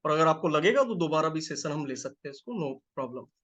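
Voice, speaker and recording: A man's voice: fairly high pitch, lively intonation, normal speed, a bit bright, dull audio. A life coach, a man, teaching a live group session in a conversational way, repeating phrases and checking that listeners follow, while feeling a little unwell.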